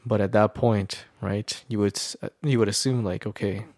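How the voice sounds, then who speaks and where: A man's voice: fairly low pitch, steady tone, moderate pace, a little mellow, no echo, clean studio sound. A man talking casually about faith in a hesitant, roundabout way, often checking for agreement. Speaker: podcast co-host. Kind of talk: casual religious discussion.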